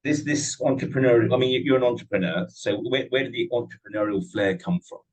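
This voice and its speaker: A man's voice: medium pitch, quick pace, a little mellow, husky, poor audio. A man interviewing on a podcast, who often stumbles and repeats his words at the start of his sentences. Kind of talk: casual podcast conversation.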